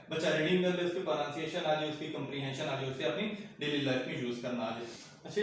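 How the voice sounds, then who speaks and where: A man's voice: on the high side, recorded from a distance, slight background noise. A man training teachers in a classroom, explaining methods step by step and repeating key words. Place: classroom with a board. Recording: very echoey room, from off the mic.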